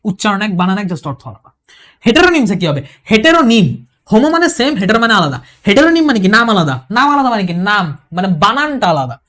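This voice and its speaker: A man from Bangladesh tutoring admission candidates in a casual recorded lesson, explaining step by step in a chatty, colloquial way and slowing down to read example sentences aloud. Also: sits high, big pitch swings, fairly bright tone. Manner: chatty, loses track and restarts, colloquial.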